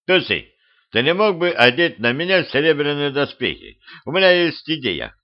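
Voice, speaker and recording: A man voicing a wry middle-aged cemetery watchman who wisecracks and shouts in a fight. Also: on the high side, sing-song, moderate pace, dull audio, voice pushed up.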